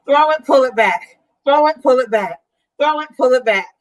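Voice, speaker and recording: A woman's voice: sits high, expressive, normal speed, poor audio. A woman leading a workout as an aerobics instructor, calling out counts and cues in a directive, encouraging way. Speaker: fitness instructor.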